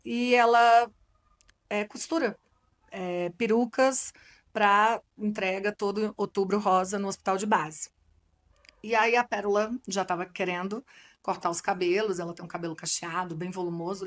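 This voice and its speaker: A woman in her forties, a family lawyer, talking as a podcast guest and telling a personal story with lively acted-out dialogue. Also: medium pitch. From Brazil. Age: 40s. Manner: animated storyteller, acts out dialogue. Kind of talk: casual interview storytelling.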